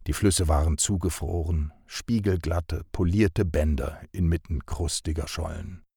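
A man narrating an audiobook in a measured, even storytelling manner. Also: low voice, creaky, slightly rough, dry recording, clean studio sound.

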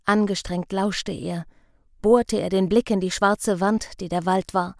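A woman reading a novel aloud in measured, expressive audiobook narration. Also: mid-range voice, no echo, studio quality.

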